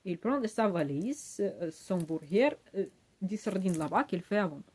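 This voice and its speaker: A woman telling a travel story in halting, non-native French, full of fillers and restarts, growing heated. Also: fairly low pitch, expressive, a little mellow, slightly rough. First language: not French. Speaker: vlogger. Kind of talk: casual storytelling.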